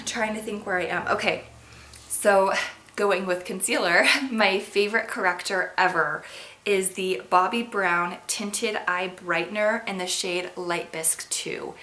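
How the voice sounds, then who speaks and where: A woman's voice: medium pitch, a bit bright. A woman in her twenties chatting casually to viewers as a beauty vlogger, in a bubbly, gushing sorority-girl manner full of emphatic words and "like". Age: 20s. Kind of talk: casual makeup tag chat to viewers. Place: carpeted bedroom at home, indoors.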